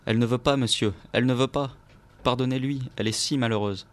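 A man's voice: medium pitch, steady tone, quick pace, voice pushed up, lightly acted. A man reading a story, voicing a desperate old female servant who begs for mercy. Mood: pleading. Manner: pleading, crying out.

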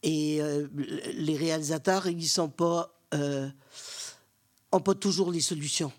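A woman's voice: sits low, steady tone, a little slow, a little mellow. Québécoise acting coach lady, super blunt and frank, on a stage. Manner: blunt, frank, acts out quoted exchanges. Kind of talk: onstage interview answers. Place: theatre stage with live audience.

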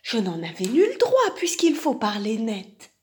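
A woman voicing a humble, naive male donkey who confesses in a high, hesitant, drawn-out voice. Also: huge pitch swings, a little mellow. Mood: sheepish.

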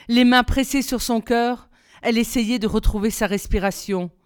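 A woman narrating a children's novel aloud in a steady, measured storytelling manner. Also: a little high, clear, resonant tone.

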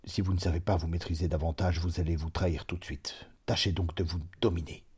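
A man voicing a tense, stern nobleman in a storybook reading, speaking in clipped, low tones. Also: little pitch movement, fairly quick, darkish tone, husky.

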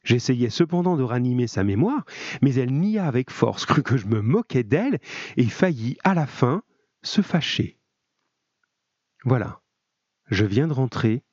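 A man reading a literary story aloud, expressive and steady. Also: mid-range voice, normal speed, dry recording. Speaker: reader. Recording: dull lo-fi, dry.

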